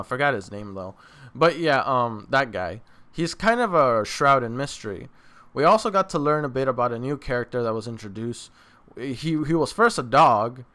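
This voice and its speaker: This anime reaction host speaks in a mid-range voice that is bright and forceful. He rambles casually at his viewers in informal slang, repeating points to stress them.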